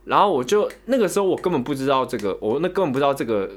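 Man, young, Taiwanese Mandarin accent, very quick talker, rambling, repeats himself, casual podcast storytelling. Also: mid-range voice. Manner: rambling, repeats words, animated when retelling. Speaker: podcast co-host.

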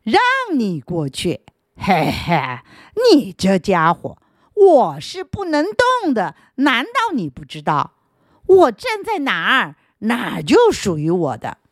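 A woman's voice: medium pitch, huge pitch swings, slow pace, fairly bright tone, no echo, clean studio sound, full character voice. A woman doing a rude, bossy old stone. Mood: domineering. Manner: rude, domineering, mocking.

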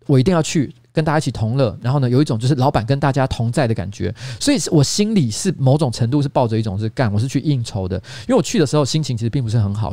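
A man's voice: medium pitch, dark tone, dry recording. A man in his forties with a Taiwanese Mandarin accent, hosting a casual livestream chat and rambling with many restarts and repeats. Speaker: podcast host. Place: office studio.

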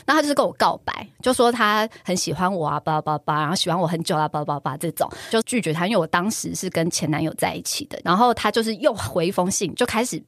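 A woman's voice: lowish voice, fast talker, hardly any pauses, no echo, clean studio sound. A woman, co-hosting a podcast, chats casually and reacts expressively while telling her own story. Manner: expressive, reacts with laughs and exclamations. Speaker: podcast co-host.

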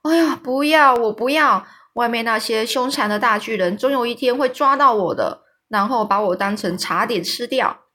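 A woman's voice: a little high, normal speed, sharp tone. A woman voicing a young orphan girl who speaks frankly and earnestly. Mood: worried. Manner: plain-spoken, earnest.

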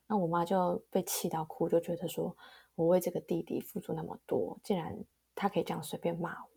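A young woman, co-hosting a casual podcast and telling stories calmly, laughing easily. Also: lowish voice, fairly quick, creaky, breathy edge. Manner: calm, laughs easily, storytelling. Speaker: podcast co-host. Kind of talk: casual chat.

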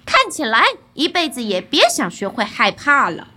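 A woman voicing a brash, fearless young man who talks loudly and cockily in a fairy tale. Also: fairly high pitch, wildly swooping pitch, moderate pace, exaggerated voice. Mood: cocky. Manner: loud, cocky shouting.

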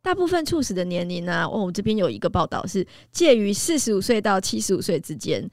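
A woman, a nutritionist hosting a chatty health talk and sharing personal stories, with many drawn-out sentence particles. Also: medium pitch, very animated, darkish tone, faint music behind. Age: 40s. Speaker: nutritionist host.

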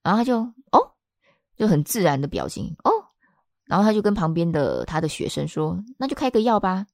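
A woman, hosting a podcast and telling a personal story in a chatty, expressive way. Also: sits low, brisk, creaky, no room sound, studio quality. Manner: chatty and expressive, acts out the people she quotes. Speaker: podcast host.

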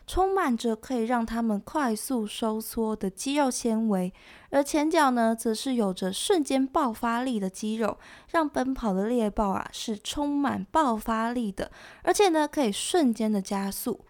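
A woman giving scripted nature documentary narration as a presenter, explaining things in a conversational way with soft sentence particles. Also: a little high, expressive, normal speed. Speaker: presenter of an animal education show.

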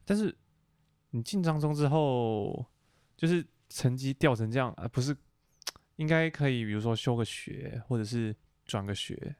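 Teasing young man asking quick questions. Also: mid-range voice, a little mellow, clean tone, dry recording, studio quality. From Taiwan. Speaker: podcast host. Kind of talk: casual chat.

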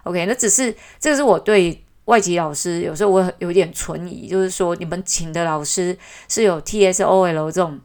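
A woman with a Taiwanese Mandarin accent, hosting a podcast in a chatty, animated way, with lots of "hou" particles. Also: lowish voice, moderate pace, few pauses. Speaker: podcast host; works with kindergarten classes. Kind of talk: casual podcast monologue.

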